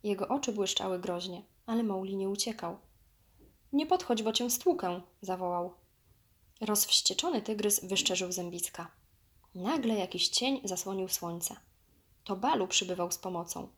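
A woman's voice: mid-range voice, moderate pace, fairly bright tone. Woman reading a children's storybook.

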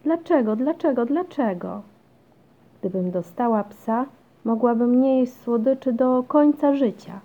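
A woman's voice: unhurried, close to an everyday voice. A woman reading a children's storybook, voicing a stubborn, cheeky little girl who whines and insists. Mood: pleading. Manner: high, whiny and insistent. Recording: dull lo-fi recording.

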